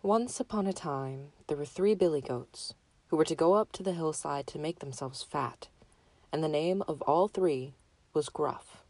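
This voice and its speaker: A woman narrating a fairy tale in a measured, deliberate way. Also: low-pitched, a little mellow, dry recording. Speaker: storyteller.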